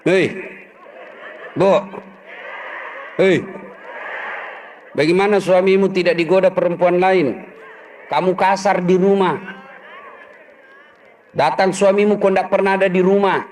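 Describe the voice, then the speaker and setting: A man's voice: high voice, fairly even intonation, a little slow, pauses often, darkish tone, a little hiss or hum. A middle-aged man, preaching a humorous sermon, joking and acting out husband and wife voices.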